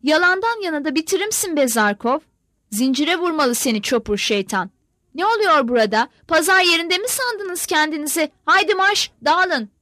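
A woman voicing a gruff, bullying male Cossack sergeant-major who barks abuse at his men. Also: high voice, lively intonation, moderate pace, bright, forceful tone, dry recording, studio quality, pitched above the performer's own voice. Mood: roaring, abusive. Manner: barking, abusive.

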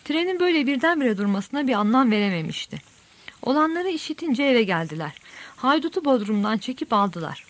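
Woman narrating an audiobook, kinda high voice, steady pace. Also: a little fast. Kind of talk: audiobook reading.

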